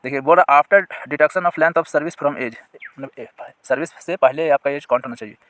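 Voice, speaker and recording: A man who teaches exam prep, explaining a recruitment notice to viewers. He reads the notice clauses out slowly, then goes back over them in plain words, asking his audience questions and pointing them to sections on screen. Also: a little high, a bit bright.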